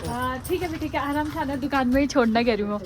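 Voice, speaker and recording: A woman's voice: high voice, fast talker, background noise. A woman vlogging casually outdoors in a hill town, chatting to viewers and showing things around her. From Uttarakhand, India. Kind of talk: casual vlog chat.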